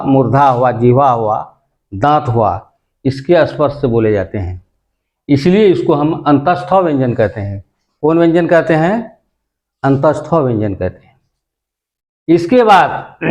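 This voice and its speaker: A man's voice: fairly high pitch, darkish tone, lo-fi sound. A man teaching a grammar lesson, repeating each point and quizzing his listeners with questions he answers himself. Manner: slow, deliberate delivery. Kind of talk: classroom-style grammar lesson.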